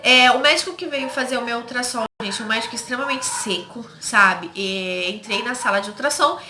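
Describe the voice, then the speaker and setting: A woman's voice: on the high side, normal speed, sharp tone. A woman from Brazil telling viewers a personal story in a casual, emotional way, often calling them "gente" and quoting what others said. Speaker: vlogger. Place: home. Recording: echoey home room with faint noise.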